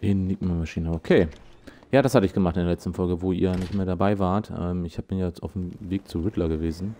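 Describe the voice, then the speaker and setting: A man's voice: sits low, brisk, mellow, a little hiss or hum. A man giving casual, laid-back, rambling let's play commentary on a video game. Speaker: gaming video host.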